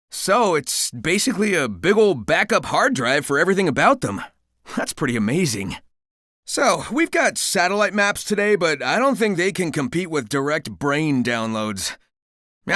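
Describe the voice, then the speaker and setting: A cocky, good-hearted young hedgehog hero from a video game. The voice is youthful and slightly high, with lively swings in pitch. It is dry and close, and the delivery is casual, breezy and confident. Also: male voice, dry recording. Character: cocky, upbeat, caring young male cartoon hedgehog hero. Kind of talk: video game character dialogue.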